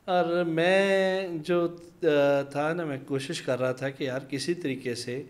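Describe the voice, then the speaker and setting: Man telling a long story. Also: a little high. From Pakistan. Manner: long anecdotes with acted-out dialogue and hesitant pauses. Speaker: interview guest, minority community leader. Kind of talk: conversational storytelling.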